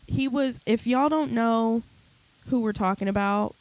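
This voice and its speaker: A young adult woman co-hosting a podcast in casual chat, blunt and animated, swearing freely. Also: a little high, unhurried, no room sound, poor audio. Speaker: podcast co-host.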